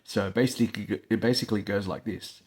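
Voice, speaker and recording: A man's voice: fairly low pitch, steady tone, a little fast, a little mellow. A man hosting his own vlog, chatting casually to camera, with rambling talk full of fillers, recorded on a phone on a stand. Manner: rambling, full of "like, you know" fillers, laughs often. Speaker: vlog host.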